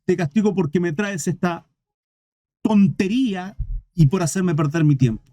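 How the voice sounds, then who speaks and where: A man's voice: high-pitched, warm tone, no room sound, studio quality, close to an everyday voice. A man doing a grave lion king. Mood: stern. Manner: solemn, measured, pronounces judgment.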